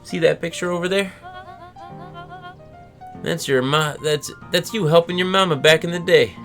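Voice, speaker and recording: A woman's voice: lowish voice, normal speed, fairly bright tone, faint music behind, voice pushed up. Woman playing a doting, guilt-tripping older diner lady. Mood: doting, fussing. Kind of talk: video game dialogue read aloud in character.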